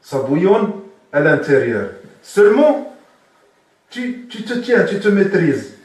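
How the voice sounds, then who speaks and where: This Moroccan man is a sheikh teaching Sufism in a spoken religious lesson, asking his listeners questions and repeating his key points. His voice is high and very animated, though he takes it slowly. The recording comes from far off in a very echoey room.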